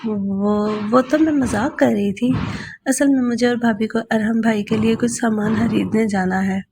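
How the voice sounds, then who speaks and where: A woman's voice: on the high side, fairly even intonation, normal speed, creaky, background noise. A woman reading as a chatty teasing young woman.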